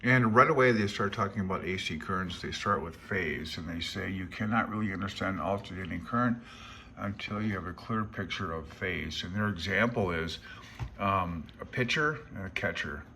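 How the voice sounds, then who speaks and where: Paging through a handbook, an amateur radio hobbyist and vlogger offers loose, rambling commentary, plain-spoken and self-deprecating, speaking as a hobbyist instead of an expert. His deep voice is creaky with a sharp tone at a moderate pace, and there's slight background noise.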